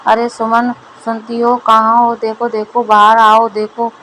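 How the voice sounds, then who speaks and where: A greedy, cunning village farmer who brags and then begs, as a woman reads him. The voice is fairly high and flat in tone. It comes from a storybook reading. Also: unhurried, slight background noise, rough recording. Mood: boastful. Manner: boastful, then pleading.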